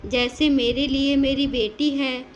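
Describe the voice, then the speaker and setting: A woman's voice: high voice, steady tone, takes it slowly, slight background noise. A woman voicing a kind, doting older mother-in-law who speaks affectionately and coaxingly in a storybook tale.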